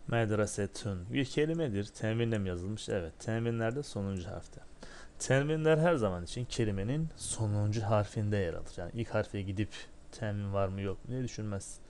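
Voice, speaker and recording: A man with a fairly low voice teaches a patient, step-by-step lesson, putting questions to himself and answering them. He drills short syllables one after another, and a faint hiss sits under the recording. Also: fairly quick, darkish tone. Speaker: Arabic teacher.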